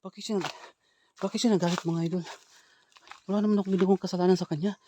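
A man filming a ghost-hunting vlog outdoors in a forest. He talks to his viewers in low, hushed asides and calls out loudly and urgently. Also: steady tone, fast talker, background noise. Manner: low hushed asides to the camera, then loud urgent calling out. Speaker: ghost hunter vlogger. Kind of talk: live walkthrough vlog addressed to viewers.

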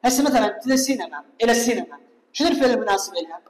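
A man with an Iraqi Arabic accent, an English teacher explaining a lesson step by step and firing quick questions at his students. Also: very high-pitched, animated. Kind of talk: classroom explanation. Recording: echoey room with long reverb.

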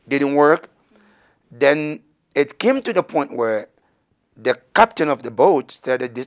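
A middle-aged man telling a religious story as a teacher, gesturing and acting out the voices of the people in it, in a small indoor studio on a lapel mic. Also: medium pitch. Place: studio set with banners, indoors.

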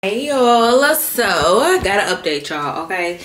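Out in a city, a congested woman vlogger with a stuffy nose chats casually with her viewers, calling them "y'all." Her mid-range, slightly bright voice is very animated and unhurried, with reverberant sound and faint music behind.

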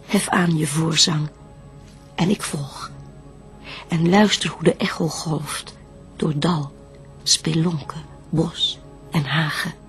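An actress playing Eve, a devout and gentle bride, reciting solemn verse with measured reverence in a radio play. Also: female voice, deep voice, fairly even intonation, faint music behind. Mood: reverent.

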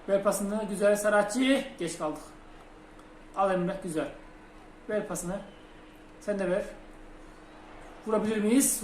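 A young man commentating his own football video game, muttering between plays and shouting at goals. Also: high-pitched, slight background noise. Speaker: gaming channel host. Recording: roomy home recording with game music behind.

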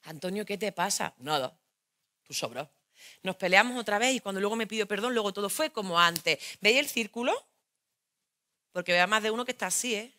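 A woman's voice: medium pitch, fast talker, pushed and bright. A woman with a Spain Spanish accent performing a theatrical monologue, telling her story frankly and crudely, straight to the audience.

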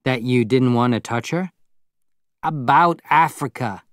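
A man's voice: medium pitch, unhurried, no echo, studio quality, close to an everyday voice. A man doing an earnest man in his sixties. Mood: questioning. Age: 60s. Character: wistful older barman nearly sixty-seven. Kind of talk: audiobook character voice.

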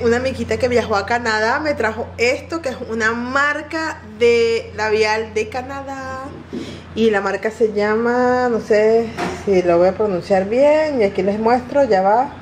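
A woman's voice: fairly high pitch, a little mellow, slight background noise. A woman with a Venezuelan accent, vlogging casually at home in a chatty, playful, exclamatory way. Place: home, indoors.

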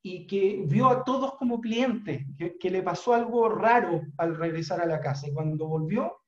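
A middle-aged man with a Chilean accent, a business trainer telling a motivational story in an earnest, unhurried way with frequent fillers, on a video call from a room at home. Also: sits high. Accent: Chilean Spanish. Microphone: webcam on video call. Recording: roomy, dull webcam audio.

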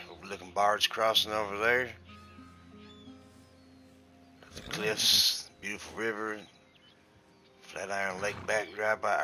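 A man's voice: on the low side, sharp tone. A man voicing a folksy adult cowboy with an exaggerated southern drawl during gameplay commentary.

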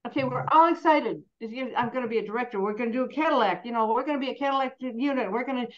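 A woman's voice: fairly high pitch, very fast. Chatty woman leading a sales meeting. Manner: chatty and candid, acts out inner self-talk. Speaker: sales team leader. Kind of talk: motivational team meeting talk. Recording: dull lo-fi sound.

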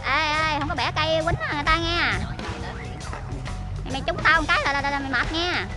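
A woman commenting on the spot outdoors. She exclaims a lot, stammers into quick repeats, and playfully scolds the animals around her. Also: sits high, over music. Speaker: vlogger on location.

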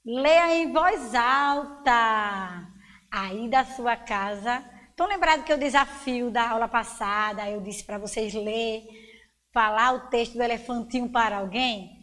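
A woman's voice: fairly high pitch, fairly bright tone, long reverb tail. A woman with a Pernambuco accent teaching a fourth-grade reading lesson, encouraging and asking questions. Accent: Pernambuco Brazilian Portuguese. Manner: slow, encouraging, asks the pupils questions.

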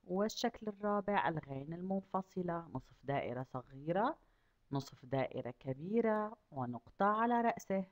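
Lively, lower-pitched woman teaching small children. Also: dull audio. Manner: asks children questions and stretches out words slowly to model them. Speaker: kindergarten teacher. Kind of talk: lesson for young children.

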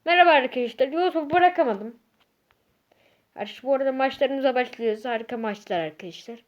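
High-voiced agitated female gamer. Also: animated, fast, lo-fi sound. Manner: agitated ranting, repeats herself a lot. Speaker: gaming YouTuber. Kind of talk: casual gameplay commentary.

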